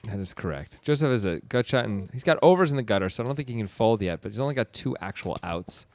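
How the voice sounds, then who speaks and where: A man calling a poker game in a relaxed booth setting, with a voice that swings widely up and down in pitch. He is easygoing and teasing, and now and then breaks into excited bursts. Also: fast. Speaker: poker commentator. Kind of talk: casual play-by-play commentary.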